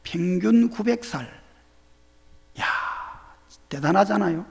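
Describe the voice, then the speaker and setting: Lively Gyeongsang-accented preacher man, gravelly. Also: high voice, slow. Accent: Gyeongsang Korean. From Geoje Island, South Korea. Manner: animated and conversational, questions to the congregation. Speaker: pastor. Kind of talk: sermon. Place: church sanctuary. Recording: long church hall reverb.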